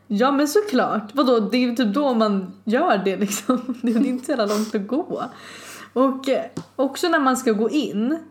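A young woman co-hosting a podcast, frank and opinionated in casual chat. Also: a little high. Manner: frank, opinionated, quick to agree. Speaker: podcast co-host.

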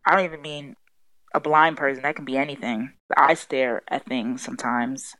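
A woman's voice: rumbling low, fairly even intonation, moderate pace, a bit bright, no echo, low-quality recording. Blunt young woman in her twenties. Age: 20s. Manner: blunt, outspoken, playful. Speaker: guest, host's daughter. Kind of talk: casual interview.

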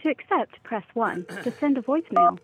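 A woman's voice: fairly high pitch, animated, brisk. Automated woman's voice over a phone speaker. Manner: recorded automated announcement, evenly spoken. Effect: played over a phone speaker. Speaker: automated phone system prompt. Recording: phone speaker with background noise.

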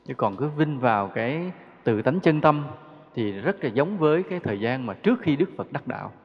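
A man's voice: medium pitch, lively intonation, moderate pace. A man giving a conversational Buddhist dharma talk, asking rhetorical questions and chuckling now and then. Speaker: Buddhist teacher. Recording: dull lo-fi recording with long hall reverb.

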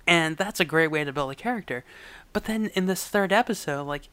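Woman, podcast co-host, giggly recapper with bright, smooth tone. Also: sits low, animated, a little fast, no echo. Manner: giggly, riffs into joking quoted voices. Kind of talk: casual chat recapping a TV episode.

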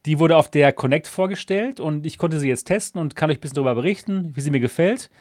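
Male podcast host, upbeat and chatty, slightly high voice, dry close mic. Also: fast talker, a little mellow, dry recording. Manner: upbeat, chatty show intro with fillers. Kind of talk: casual chat.

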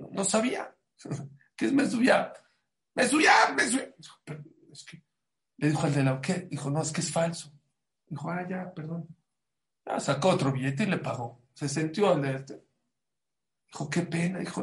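A high-voiced man delivers a sermon in an echoey room. His delivery is animated, jumping between loud, stressed lines and hushed asides as he teaches and tells a story. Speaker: religious teacher. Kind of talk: sermon with anecdote.

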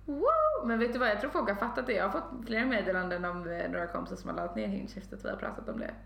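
A woman's voice: mid-range voice, fairly even intonation, vocal fry, fairly bright tone, faint music behind. A young woman co-hosting a casual podcast chat, teasing and slangy, dropping English phrases into her talk. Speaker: podcast co-host. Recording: echoey room with faint hum.

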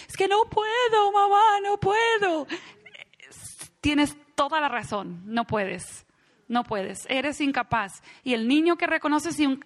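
High-voiced earnest woman speaker. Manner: earnest, plainspoken, acts out children's words. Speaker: conference speaker.

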